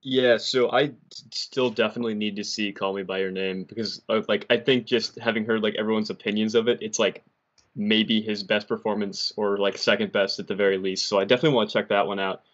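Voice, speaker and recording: Laid-back young man, lowish voice. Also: brisk. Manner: relaxed, filler-heavy. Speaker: podcast guest. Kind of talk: casual chat. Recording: muffled lo-fi audio.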